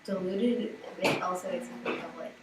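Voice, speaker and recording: A woman's voice: fairly low pitch, steady tone, moderate pace, far from the mic, heavy background noise. A woman student chatting and answering questions in a small class discussion. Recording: roomy classroom audio from afar, with chatter.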